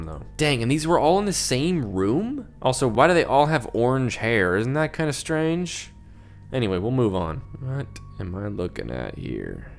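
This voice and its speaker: Young male reaction host, mid-pitched and rambling, creeped-out laughs, light music underneath. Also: vocal fry. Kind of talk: casual reaction commentary.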